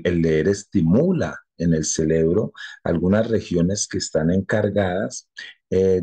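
A man teaching a lesson, explaining at a measured pace with frequent filler sounds and tag questions. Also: sits low, dark tone, husky. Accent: Colombian Spanish. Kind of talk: classroom explanation.

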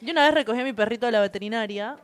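A woman's voice: a little high, racing. A woman co-hosting a casual panel chat, telling stories and laughing along. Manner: chatty, storytelling with laughs. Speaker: panel co-host.

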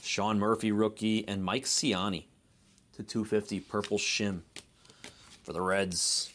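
His lowish, level voice has a fairly bright tone and comes a little slowly, over a slight hiss or hum. As host of a live card break, he gives laid-back running commentary and isn't sure of certain name pronunciations.

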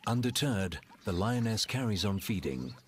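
A man with a low voice narrates a wildlife documentary. His delivery is measured and dramatic, with deliberate pauses and very varied intonation. Wild ambience and animal sounds are clearly audible behind him. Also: big pitch swings, slight background noise.

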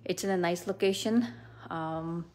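Low-pitched woman giving an upbeat home tour. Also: a little slow, a little mellow. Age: middle-aged. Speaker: real estate agent giving a home tour. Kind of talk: casual, unscripted walk-through tour narration. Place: indoors, walking through a house. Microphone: handheld phone.

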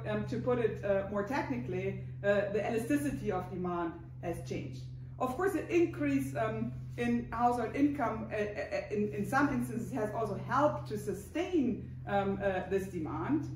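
A woman with a German accent explains her points at a panel in a halting, searching way. Her voice sits fairly high. It is picked up from some distance in a very echoey conference room, with a little noise. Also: a little mellow. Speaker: academic panel speaker. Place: mid-sized wood-panelled conference room, indoors.

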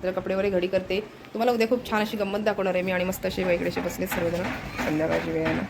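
In a very noisy home vlog, a woman with a lowish, gravelly voice talks fast in a level tone. She chats casually with her viewers straight to camera and coos at her pet now and then, her voice low from fasting.

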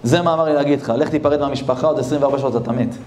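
A man voicing a grave synagogue beadle who flatly delivers a fatal decree. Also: mid-range voice, reverberant, lightly acted. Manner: grave, matter-of-fact.

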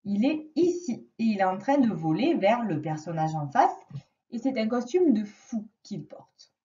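A woman teaching a reading lesson to a young child, slowly and patiently stressing each sound. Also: medium pitch, very animated, mellow, recorded from a distance, dull audio. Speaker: primary school teacher.

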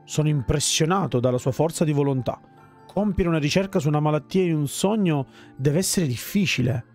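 A man's voice: fairly high pitch, fairly quick, a little mellow, faint music behind, close to an everyday voice. A man voicing a pompous, self-assured talking magic book in a fantasy game. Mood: lecturing.

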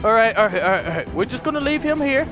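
High-voiced frantic gamer man. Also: fast talker, over music. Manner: shouts and curses at the game, excitable. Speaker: gaming video host. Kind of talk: frantic gameplay commentary.

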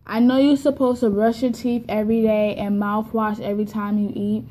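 A woman's voice: mid-range voice, little pitch movement, moderate pace, warm tone, low-quality recording. A young woman vlogging casually with plenty of swearing, her speech slightly impeded and lisping from a new tongue piercing. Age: young adult. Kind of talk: casual, profane vlog chat. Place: indoors in a kitchen. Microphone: phone at arm's length. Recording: clear background room noise on phone recording.

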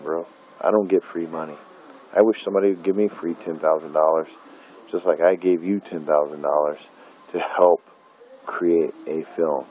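An independent filmmaker, a middle-aged man, holds a phone camera close and films himself in a dim room at night, ranting bitterly with profanity and lots of fillers. His low voice is creaky and darkish, and the rough recording carries slight background noise.

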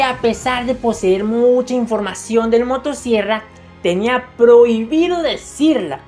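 A woman narrating casual anime commentary in a slangy, jokey way with crude humor. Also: fairly high pitch. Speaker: anime video essayist. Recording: faint music under the voice.

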